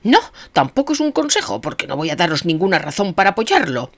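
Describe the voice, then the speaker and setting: A woman voicing a frantic, desperate male anarchist who shouts and pleads in anguish, in an audiobook reading. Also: on the low side, very animated, brisk. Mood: pleading.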